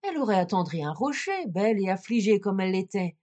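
A woman storyteller reading a classic fairy tale in a measured, expressive way. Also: medium pitch.

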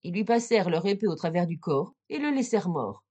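A woman storyteller reading a classic fairy tale in a measured, expressive way. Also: lowish voice, breathy edge.

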